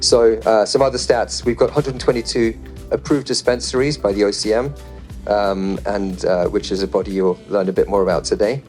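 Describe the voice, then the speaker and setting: A man with a somewhat low voice moderates a panel discussion before a live audience. He keeps it loose and conversational, reading figures off his phone and tossing in dry asides. Faint music plays underneath. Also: normal speed. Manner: relaxed and chatty, reading statistics off a phone with light jokes.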